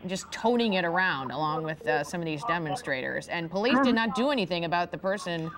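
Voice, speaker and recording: Anchorwoman, lowish voice, calm live commentary, noisy background. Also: fairly quick. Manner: directing viewers, calm. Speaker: news anchor.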